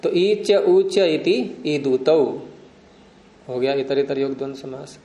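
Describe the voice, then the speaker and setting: A man's voice: mid-range voice, fairly even intonation, slow, warm tone, echoey room. A man teaching Sanskrit grammar in a classroom lecture, patiently explaining and quizzing his students.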